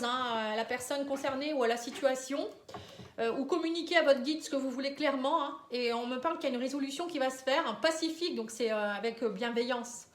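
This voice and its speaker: High-voiced woman reading cards. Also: reverberant, slight background noise. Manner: hesitant, frequent euh and hein fillers. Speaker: tarot reader. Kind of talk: casual card-reading guidance.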